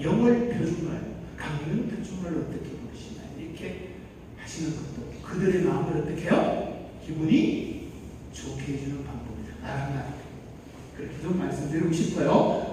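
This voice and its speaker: A man giving a lively lecture to trainee instructors, questioning the audience and shifting his loudness for emphasis. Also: a little high, slight background noise. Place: large lecture hall. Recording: echoey lecture hall, mic at a distance.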